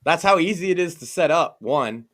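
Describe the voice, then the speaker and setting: A young man hosting a casual podcast chat, mocking and animated, often mimicking others in exaggerated voices. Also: a little high, normal speed. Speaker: podcast host.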